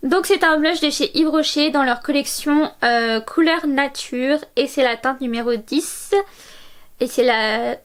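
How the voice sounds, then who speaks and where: A young woman in her twenties talks through a makeup routine in a high, chatty voice. She fills her speech with little hesitations and praises products eagerly. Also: unhurried. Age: 20s. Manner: chatty, many fillers, enthusiastic about products. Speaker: beauty vlogger. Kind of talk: makeup tutorial narration.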